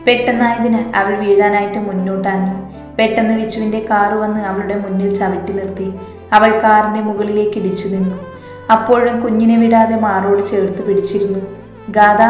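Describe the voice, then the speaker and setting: A woman narrating a scripted romance story in an even storytelling manner, in a roomy recording with faint background music. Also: medium pitch.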